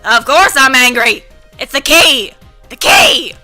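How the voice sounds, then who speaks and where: A woman acts out a rowdy, foul-mouthed old granny from a visual novel, scolding at full volume. The voice is very sharp and forceful, hot-tempered and gruff in manner, over clear background music. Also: sits high, big pitch swings, slow, pitched above the performer's own voice, full character voice. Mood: furious. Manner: loud, shouting, gruff scolding.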